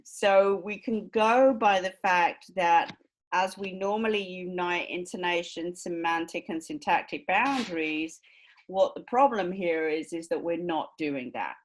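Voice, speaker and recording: A woman lecturer with a slightly low-pitched voice talks through her points step by step. She keeps checking in with her listeners by asking if they are following. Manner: explanatory, checks understanding with frequent "right?". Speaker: university lecturer. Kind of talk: recorded lecture.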